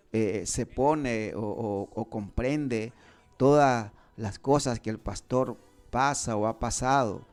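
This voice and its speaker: Slow, earnest radio preacher, a man. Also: mid-range voice, a little mellow. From Nicaragua. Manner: earnest, halting, with many fillers and restarts; describes himself as serious. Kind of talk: live radio sermon. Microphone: radio studio microphone.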